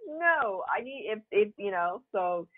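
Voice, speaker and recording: A woman author chatting as an interview guest, telling stories and acting out quotes with big jumps in pitch. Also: normal speed. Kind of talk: casual interview chat. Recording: tinny phone line.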